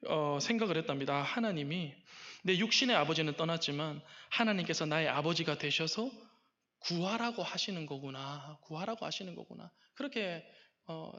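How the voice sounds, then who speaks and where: A man preaching a sermon, telling a story with lively shifts and softly acting out quoted prayers. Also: fairly high pitch, lo-fi sound. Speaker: pastor. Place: church sanctuary.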